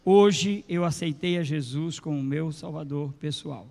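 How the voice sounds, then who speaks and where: A man's voice: vocal fry, a little mellow. A preacher acting out a remorseful pleading father. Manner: slow, low, earnest pleading. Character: remorseful middle-aged father pleading with his wife. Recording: long church reverb.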